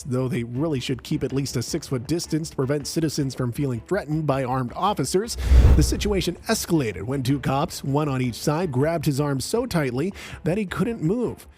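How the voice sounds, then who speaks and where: A man narrating a scripted account in an even, measured storytelling manner. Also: fairly high pitch.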